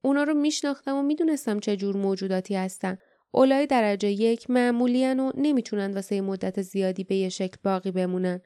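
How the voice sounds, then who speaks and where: A woman reading the part of a calm, serious young man in an audiobook, speaking slowly and earnestly. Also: mid-range voice, smooth, no room sound, clean studio sound, natural voice.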